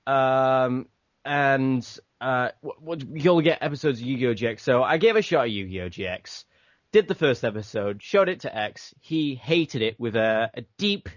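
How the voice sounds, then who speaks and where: A man's voice: mid-range voice, animated, normal speed, no echo. A man chats casually about making his fan abridged series, wandering through his points with plenty of fillers. The sound is dull and lo-fi, and dry with no room around it. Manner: rambling, filler-heavy, laughs often. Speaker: abridged series creator and voice actor. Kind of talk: casual interview chat. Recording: dull lo-fi voice chat audio.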